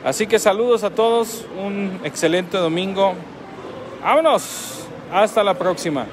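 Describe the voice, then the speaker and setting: A man's voice: high-pitched, measured pace, background noise. A man with a Mexican accent casually reviewing a restaurant meal, repeating phrases and laughing often, filmed on a phone at a table near a road. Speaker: food vlogger.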